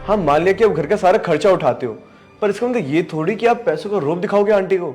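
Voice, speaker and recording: A man's voice: high voice, fast talker, a little mellow, faint music behind, lightly acted. A young man playing an earnest younger brother. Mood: pleading. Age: young adult. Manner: pleading, earnest, reproachful. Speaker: younger brother in a family skit. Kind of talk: scripted family drama skit.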